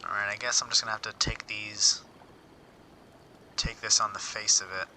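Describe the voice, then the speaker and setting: With a voice on the low side, flat in delivery yet bright and forceful, a man at normal speed gives casual livestream commentary. He reads figures aloud and muses on them wryly, interrupting himself and repeating words. Slight background noise and a rough recording are audible.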